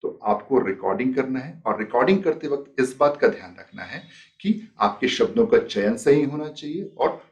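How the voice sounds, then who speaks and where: A man's voice: medium pitch, animated, moderate pace, recorded from a distance. A man teaching a life skills lesson, explaining step by step and acting out example sentences. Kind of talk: spoken lesson with demonstrations.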